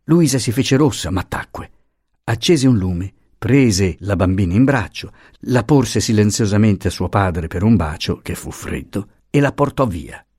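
A man giving an expressive, dramatic reading of a novel as an audiobook narrator. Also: fairly low pitch, a little slow, husky, no echo, clean studio sound. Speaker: audiobook reader.

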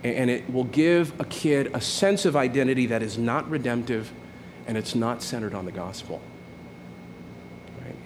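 A pastor in his forties delivers a sermon in a loose, conversational way, starting phrases over and checking in with the room as he goes. His voice sits at an ordinary middle pitch for a man. A faint noise runs underneath. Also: moderate pace. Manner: conversational, repeats "right?" often, many restarts.

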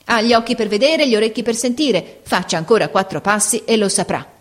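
A woman's voice: medium pitch, very animated, moderate pace. Bossy servant woman, as a woman reader does her. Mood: impatient. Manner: bossy, curt and scolding. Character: imperious impatient female household servant, middle-aged.

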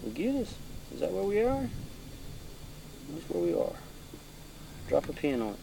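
A man's voice: on the high side, wildly swooping pitch, moderate pace, vocal fry. A man with a folksy, teasing manner, chatting casually outdoors as a hunting show host talking with his child. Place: outdoors in rural land. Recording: outdoor recording with faint noise.

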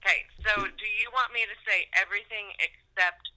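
A woman's voice: medium pitch, fairly even intonation, moderate pace, sharp tone, poor audio. A woman calling in on a speakerphone, chatting casually with the hosts and laughing easily as she asks questions. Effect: heard over a speakerphone call. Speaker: caller. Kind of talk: casual chat. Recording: thin speakerphone line.

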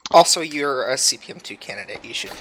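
Bright-voiced man co-hosting a podcast. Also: fairly high pitch, lively intonation, fast, slight background noise, low-quality recording. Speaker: podcast co-host. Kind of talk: casual podcast talk. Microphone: online voice chat.

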